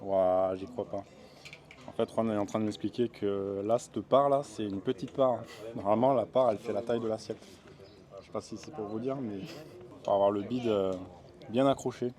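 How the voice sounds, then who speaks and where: Man vlogger, French speaker, low warm voice, casual and upbeat to camera. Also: steady tone, moderate pace. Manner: chatty and upbeat, thinking aloud. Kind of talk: casual travel vlog. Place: outdoors in a small town, street and terrace.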